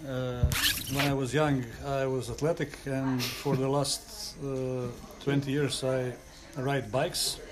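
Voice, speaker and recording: Halting Croatian-accented man. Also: medium pitch, level tone, heavy background noise. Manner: hesitant, halting English. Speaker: guest cyclist. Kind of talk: interview answers.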